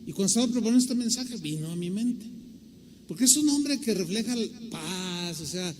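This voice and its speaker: A middle-aged man preaching a sermon as pastor, pressing hard on key words and then dropping to a quiet, low tone. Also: lively intonation, normal speed, a little hiss or hum. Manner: emphatic preaching, swinging between loud stresses and quiet asides.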